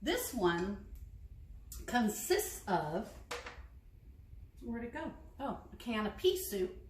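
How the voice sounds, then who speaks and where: A woman's voice: a little high, big pitch swings, slow, a little hiss or hum. A woman taste-testing recipes in a casual kitchen vlog, chatty and frank with hesitant asides. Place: home kitchen. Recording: echoey kitchen, clinking dishes.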